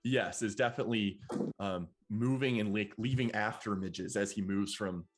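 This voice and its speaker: A man's voice: on the low side, normal speed. A man running a tabletop role-playing game as game master, affirming moves and narrating outcomes.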